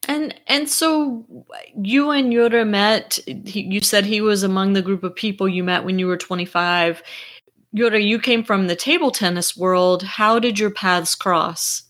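Woman, interviewer, asks questions, slow and drawn out. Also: medium pitch, a bit bright.

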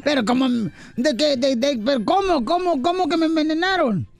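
A playful man hosts a comedy radio show, voice pitched high. He tells jokes and acts out the characters in them. Faint music plays behind him. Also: normal speed, creaky, no echo. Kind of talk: joke-telling radio banter.

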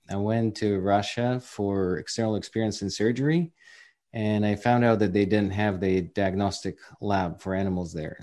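A Ukrainian man in his forties, a guest entrepreneur, tells his career story in a casual interview, chatty and self-deprecating. He has a Ukrainian accent and a mellow voice that sits on the low side.

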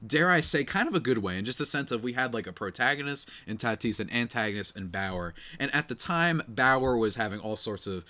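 A man hosting a casual solo sports podcast, slightly nasal and congested, talking in an animated, slangy way with chatty asides to listeners. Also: mid-range voice, fairly quick, few pauses. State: congested from a cold night.

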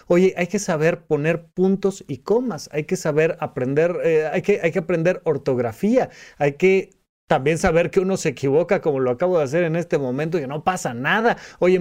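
Mellow-voiced man explaining calmly. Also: on the high side. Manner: explains calmly, acts out little quoted lines with a raised voice. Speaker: psychiatrist podcast host. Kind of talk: reflective solo podcast talk.

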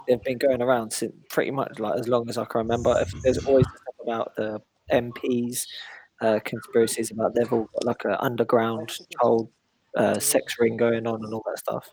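A man's voice: medium pitch, warm tone, low-quality recording. A man hosting a podcast in loose, joking chat, full of fillers. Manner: joking, chatty, with many fillers. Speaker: podcast host. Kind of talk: casual chat.

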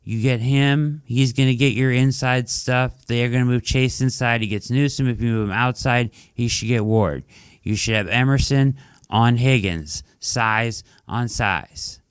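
This podcast host has a mid-range, clear, resonant voice and keeps a measured pace with no echo around him. His throat is dry and his voice is going as he chats through his sports analysis, peppering it with "like" and "right?"

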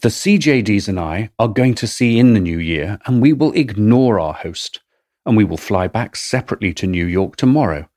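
A middle-aged man giving a measured, wry narration of his diary entries for a podcast. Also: fairly low pitch, expressive, no room sound. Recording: dry studio voice-over, soft music.

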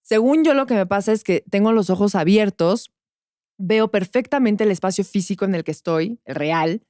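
A woman's voice: medium pitch, normal speed, dark tone, no room sound, clean studio sound. A woman podcast guest with a Mexican accent, an actress, describing her experiences earnestly and repeating words for emphasis. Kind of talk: casual chat.

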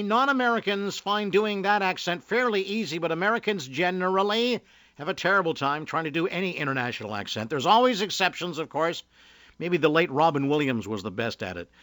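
A man hosting a motorsport news radio show in a brisk announcer style. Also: high voice, pushed and bright, no room sound.

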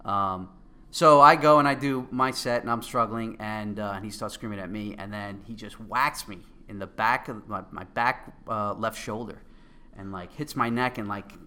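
A middle-aged man with a Queens, New York accent, casually telling an anecdote in an animated, excitable way. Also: on the low side, moderate pace. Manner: animated, excitable storytelling with acted-out quotes. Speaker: guest, company co-founder.

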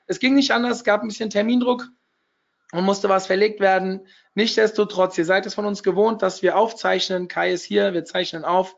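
Hoarse guy hosting a webinar, kinda high gravelly voice, chatty, dull lo-fi sound. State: still hoarse after losing his voice. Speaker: webinar host. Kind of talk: casual webinar moderation.

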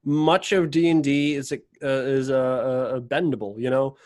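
A man's voice: medium pitch, steady tone, unhurried, a little mellow. A man in casual chat, explaining things in a rambling way with many fillers.

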